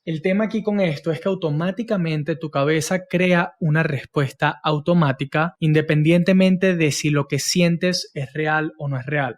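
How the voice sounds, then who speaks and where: Guy coaching insurance agents, keeps saying ok?, bit higher voice. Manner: explanatory, checks in with "¿ok?". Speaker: sales trainer. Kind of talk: instructional talk with acted call examples.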